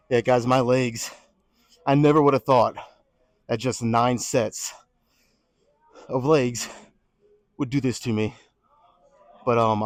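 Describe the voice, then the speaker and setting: A man's voice: medium pitch, no echo, clean studio sound. A man out of breath after a leg workout, talking loosely in a gym vlog and swearing casually. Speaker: fitness vlogger.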